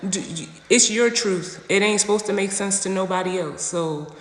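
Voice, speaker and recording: A woman's voice: medium pitch, moderate pace. A woman giving a casual tarot reading on a phone livestream, talking straight to the listener in a slangy, emphatic way and repeating her phrases. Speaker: tarot reader. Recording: echoey room with long reverb, faint noise.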